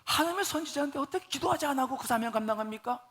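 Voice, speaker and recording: A man preaches a sermon in a bright, forceful voice that sits high for a man. He pitches questions at the congregation, drops to soft asides and then climbs into raised exclamations. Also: expressive, very fast. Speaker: pastor.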